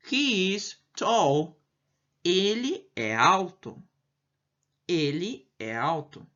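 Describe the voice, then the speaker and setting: Slow, lively Brazilian woman teaching English. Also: lowish voice. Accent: Brazilian Portuguese. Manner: slow, drawn-out model sentences in English; explanatory, checks understanding with "ok?" and "certo?". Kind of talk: recorded language lesson. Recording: dull lo-fi audio.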